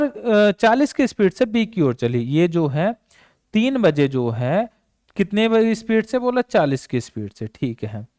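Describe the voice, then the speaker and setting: A man's voice: high voice, a little mellow, dry recording, studio quality. A man teaching a train math problem for an exam course, asking questions and answering them himself while he repeats each step. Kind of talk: exam-prep math lesson.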